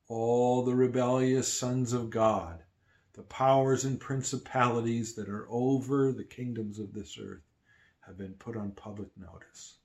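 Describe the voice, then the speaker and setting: A man preaching a sermon to his church, shifting between emphatic lines and hushed ones. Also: mid-range voice. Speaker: pastor.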